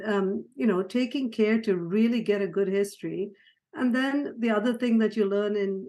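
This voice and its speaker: Woman from Sri Lanka, middle-aged, interview guest, laughs often, restarts sentences, mid-pitched voice. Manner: warm, laughing, many restarts. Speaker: child psychiatrist guest. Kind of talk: conversational interview.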